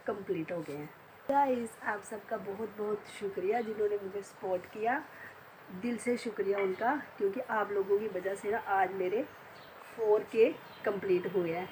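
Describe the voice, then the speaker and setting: A woman's voice: mid-range voice, steady tone, moderate pace, a little mellow, slight background noise. A middle-aged woman vlogging in casual chat, congested and sore-throated from a cold, laughing often as she retells family talk.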